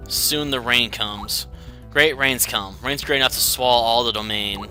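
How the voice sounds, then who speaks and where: A man voicing mermaids who speak slowly and solemnly. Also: medium pitch, pushed and bright, soft background music. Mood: ominous. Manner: slow, solemn. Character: mermaids, slow and ominous.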